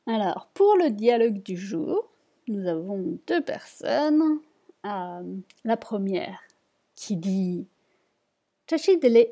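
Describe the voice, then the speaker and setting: In this slow spoken lesson, the reading teacher again repeats each word with patience and explains its meaning. Her warm, mid-range voice is very animated while her pace stays slow.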